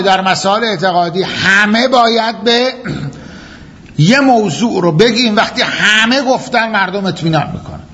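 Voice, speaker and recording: A seminary teacher lectures on jurisprudence in a high, sharp voice, explaining step by step. He fires off rhetorical questions and keeps repeating his key points. The recording is dull and lo-fi, with faint noise.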